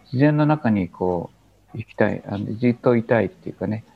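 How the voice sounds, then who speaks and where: A man in his seventies speaking slowly and thoughtfully as an interview guest over a video call. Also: on the low side, expressive, gravelly, dry recording. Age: 70s. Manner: slow, halting, thoughtful. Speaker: guest teacher. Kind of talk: reflective interview talk. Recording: dull lo-fi video call audio.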